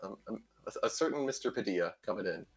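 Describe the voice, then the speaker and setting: A man's voice: lowish voice, animated, fast talker, slightly rough. A man casting a card game tournament stream, casual and teasing, laughing often. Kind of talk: casual stream commentary chat.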